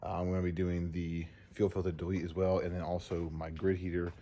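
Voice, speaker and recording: A man vlogging his truck work outdoors, rambling casually with lots of fillers and throat clearing. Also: low voice, flat delivery, brisk, warm tone, slight background noise. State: out of breath. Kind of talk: casual DIY vlog.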